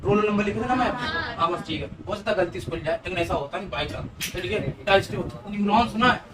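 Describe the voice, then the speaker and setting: A male teacher with a high voice talks students through exam tips. He coaxes and repeats himself. He sounds set back from the mic, with clear room noise behind him. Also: fast talker. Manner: coaxing, repetitive advice to students. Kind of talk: exam-prep class lecture. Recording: noisy room, voice from a distance.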